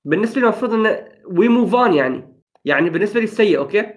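A man's voice: sits high, animated, rapid-fire. A young man in casual gaming chat, upbeat and enthusiastic, slipping English phrases into his talk. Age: young adult.

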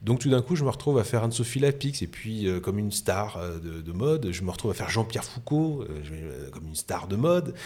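Low-voiced French photographer, animated storyteller. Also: male voice, a little fast, few pauses, breathy edge. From France. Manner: animated, many repeats and restarts. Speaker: photographer guest. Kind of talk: casual storytelling interview.

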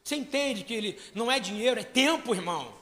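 A man preaching a sermon, questioning his congregation and swelling to shouts. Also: extremely high pitch, expressive, quick pace, in a large hall. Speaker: pastor.

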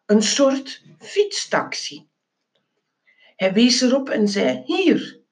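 Slow, expressive woman reading aloud. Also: fairly high pitch. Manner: expressive, with small slips and restarts. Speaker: reader. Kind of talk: reading a children's book aloud.

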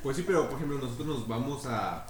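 A northern Mexican man talks over friends in casual banter, his pitch swinging widely. The room rings, and other voices chatter nearby. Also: quick pace, reverberant. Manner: animated, joking, swears a lot, does mocking impressions. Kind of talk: casual podcast chat.

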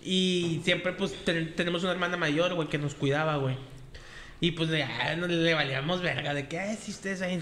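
A man's voice: on the high side, fairly even intonation, normal speed, fairly bright tone, echoey room, a little hiss or hum. A young man, joking in laid-back casual chat full of slang.

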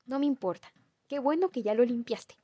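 A woman's voice: a little high, lively intonation, a little fast, mellow, slightly rough, no room sound. A woman doing her stern scolding mom. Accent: Mexican Spanish. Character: stern middle-aged mother scolding.

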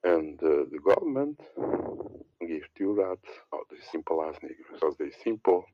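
Animated and at a moderate pace, a man preaches in a heated, rambling religious monologue. He keeps repeating words and lists and mocks people in a put-on high voice; the sound is muffled with no echo.

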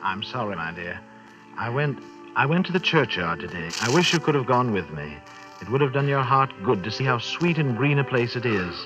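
An actor playing a gentle, grieving father who speaks softly and tenderly in an old radio drama. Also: mid-range voice, very animated, moderate pace, highs cut off, music in the background, close to an everyday voice. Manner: soft, tender. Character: gentle grieving middle-aged father, clerk.

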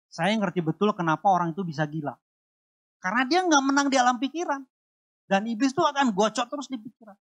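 A man preaching a sermon and giving his own testimony, emotional and repetitive, swinging between loud and soft. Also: sits high.

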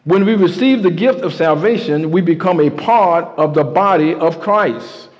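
In a church sanctuary, a pastor preaches emphatically to his congregation, drawing call-and-response. His voice is a little high and animated, at a moderate pace, and the recording sounds muffled with a long hall reverb.

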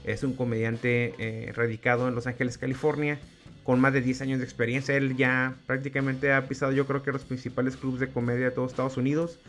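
Faint music plays behind a man in his forties who hosts a podcast in a brisk, flat, medium-pitched voice. He has a Mexican accent and keeps his introduction and interview chat casual, slangy, and laced with swearing.

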